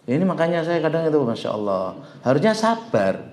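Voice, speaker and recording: A man preaching an informal sermon as an ustadz, lively and joking with his listeners and reciting Arabic slowly. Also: fairly high pitch. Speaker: ustadz giving a religious study talk. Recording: echoey room.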